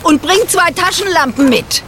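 A woman's voice: very high voice, lively intonation, normal speed, pushed and bright, slight background noise, full character voice. An actress in a German audio drama playing a scheming villainess, sneering and impatient as she orders a dim henchman around. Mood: scornful, commanding.

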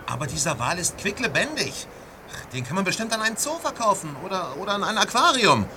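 Nervous, high-pitched henchman for a radio play, very lively, with noisy surroundings. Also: a little fast. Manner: nervous, stammers. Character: timid stammering male sailor henchman.

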